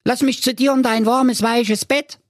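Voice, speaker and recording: A man's voice: extremely high pitch, steady tone, a little slow, no room sound, clean studio sound, voice pushed up. A man voicing a cheeky, pushy male frog in a raised, wheedling voice, for a comic fairy-tale parody.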